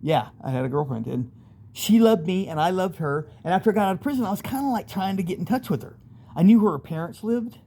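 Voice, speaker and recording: A middle-aged American man and channel host rambles through personal stories in first person, candid and casual, peppered with street slang. His voice sits high, warm and animated, moving fast.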